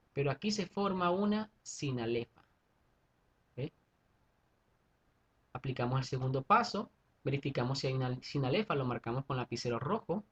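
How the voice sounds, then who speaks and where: A male schoolteacher explains a lesson step by step, pausing often to check that his students follow. His voice is husky and a little breathy. The recording sounds dull and lo-fi. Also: fairly high pitch. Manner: methodical, repeats steps and checks in with students. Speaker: secondary school teacher. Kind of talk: online class explanation.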